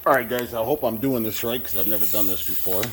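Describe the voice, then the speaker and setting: A man's voice: fairly low pitch, quick pace, a little hiss or hum, poor audio. A man with a lisp and whistling s from new braces, giving a casual, plain-spoken and unsure how-to narration as he works. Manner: plain-spoken, unsure, hedging first-timer. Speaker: DIY truck mechanic vlogger.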